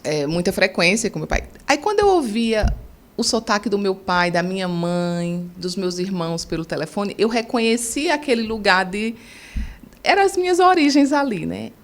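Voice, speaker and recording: A woman's voice: medium pitch, expressive, normal speed. A chatty middle-aged woman with a Paraíba accent, a podcast guest talking in a casual interview and laughing often. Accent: Paraíba Northeastern Brazilian. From Campina Grande, Paraíba, Brazil.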